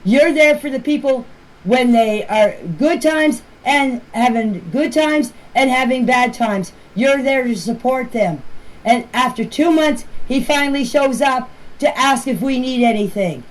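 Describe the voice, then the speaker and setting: Recorded as amateur voice clips for a group chat, a woman talks in a casual, plain way. Her voice is high-pitched and expressive, her pace measured, and the audio poor.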